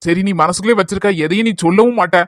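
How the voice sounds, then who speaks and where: A man with an unusually high voice speaks quickly and earnestly, reassuring his wife in a scripted family skit. His voice is recorded dry, close and without room echo. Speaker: husband in skit.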